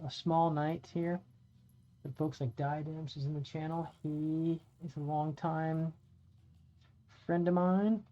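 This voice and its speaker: While painting miniatures on stream, a middle-aged man who is also a dungeon master chats and rambles to viewers, swearing here and there. His voice is warm and fairly high in pitch. Audio is dull and lo-fi with faint background music, recorded in a home room by a window.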